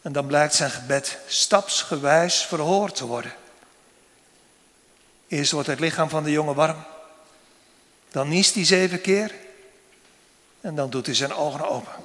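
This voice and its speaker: A man preaching a sermon to a congregation, slow and solemn, with long pauses between phrases. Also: a little high, a bit bright. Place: church. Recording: long church reverb.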